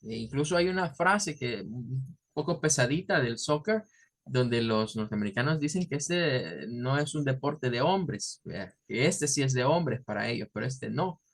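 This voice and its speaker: Male teacher explaining slowly. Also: medium pitch, expressive. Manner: explanatory, stretches key words slowly, asks "¿verdad?" often. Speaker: English teacher. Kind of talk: online class lecture.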